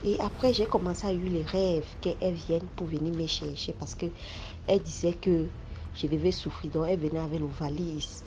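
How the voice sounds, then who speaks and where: Telling a spooky story from his own life, a man whose first language is English fumbles for French words and keeps starting over. His pitch is fairly high and his intonation fairly even; the lo-fi recording sounds dull, with a faint noise underneath.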